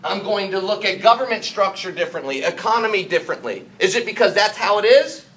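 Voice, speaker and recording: An American man with a high, bright, forceful voice delivers a motivational business training talk. He fires rhetorical questions and jokey asides at the room. The sound is roomy, with a faint hiss underneath. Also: lively intonation, fairly quick. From United States. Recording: echoey room, faint background noise.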